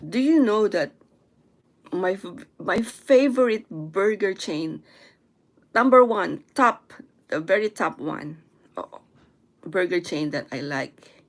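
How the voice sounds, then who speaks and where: A young woman from the Philippines, chatting casually and haltingly, often stopping to search for words and correct herself. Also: on the low side, expressive. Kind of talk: casual chat.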